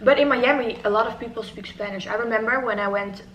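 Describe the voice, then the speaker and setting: A woman's voice: on the high side, fast talker, fairly bright tone, reverberant, dull audio, slight background noise. A young woman in her twenties chatting casually and teasingly while eating with a friend. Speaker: vlogger. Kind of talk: casual mukbang chat. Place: apartment living room floor.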